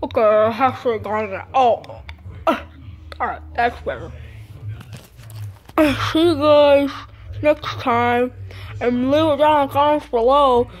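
Woman mumbling through fake teeth. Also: high voice. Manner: rambling, halting, lots of fillers. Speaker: vlogger. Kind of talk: casual taste-test vlog.

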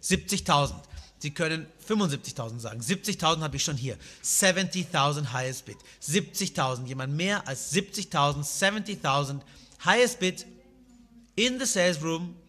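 A man's voice: fairly high pitch, pushed and bright. A man in his thirties working as an auctioneer, calling out and repeating bid amounts in a live saleroom, switching between German and English. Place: auction saleroom at a rostrum, indoors. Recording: reverberant hall sound.

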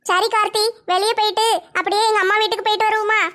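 A woman's voice: very high voice, little pitch movement, rapid-fire, pushed and bright. A woman voicing a cheerful young wife, casual and playful.

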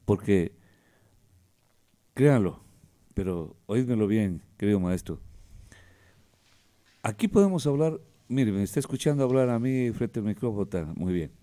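Guy hosting a radio show, low dark voice, jokes around, leans on his words. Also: big pitch swings, moderate pace, pauses often. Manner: joking, emphatic, teasing asides. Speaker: radio host. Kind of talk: casual radio interview. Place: radio studio.

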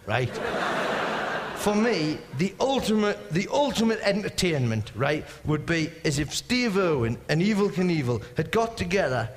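A man from England rambles through a stand-up set in a high voice that rises and falls a great deal. He talks in excitable tangents and keeps slipping into other voices. The sound carries a long hall reverb with a clear layer of room noise behind it. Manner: excitable, digressive, bursts into quick voices. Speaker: stand-up comedian. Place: live comedy venue.

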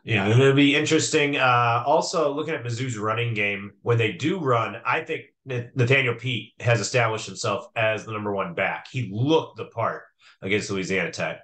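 A man co-hosts a sports podcast, talking football loosely and conversationally at normal speed. His mid-range voice is bright and forward, and he often stops and restarts, thinking out loud with fillers in this casual sports talk.

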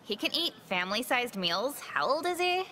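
A bright, gossipy schoolgirl. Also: fairly high pitch, sing-song, normal speed, a little hiss or hum. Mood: chatty. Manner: chatty, blunt, casual swearing. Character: blunt, gossipy sixteen-year-old schoolgirl. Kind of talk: video game voice acting.

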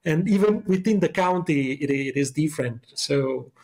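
Italian man chatting, higher voice. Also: lively intonation, darkish tone, slightly rough. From Italy. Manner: halting, searching for words with many fillers. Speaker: guest. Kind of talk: casual podcast chat.

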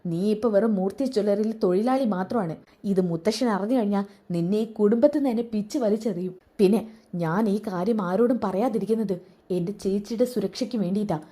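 A woman's voice: mid-range voice, a little fast, mellow, natural voice. A woman voicing a loyal young woman who scolds and warns her brother-in-law. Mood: scolding. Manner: scolding, warning.

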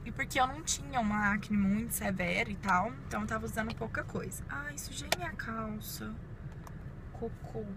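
Sitting in a parked car, a Brazilian beauty vlogger in her twenties chats casually with viewers while doing her makeup, speaking with a Brazilian Portuguese accent. Her fairly high voice runs brisk with few pauses. She's filmed on a phone held at arm's length, and vehicle and ambient noise come through clearly.

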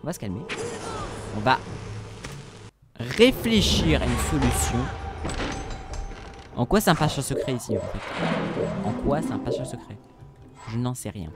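A young male gamer commentates his play in a swinging, animated voice, fed up and swearing theatrically. His complaints climb and drop in pitch. Clear game music runs behind him the whole time. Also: normal speed, long pauses.

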